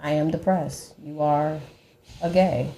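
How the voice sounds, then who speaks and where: A woman's voice: low voice, fairly even intonation, unhurried, mellow, slight background noise. A woman talking as a podcast guest, open and earnest, often quoting what others said. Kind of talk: candid conversation. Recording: roomy echoey room.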